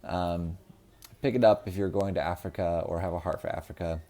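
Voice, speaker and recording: Brief: deep-voiced male reviewer, relaxed and unscripted, plenty of filler words. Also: brisk. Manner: unscripted, many ums and restarts. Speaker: book reviewer. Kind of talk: casual solo video review.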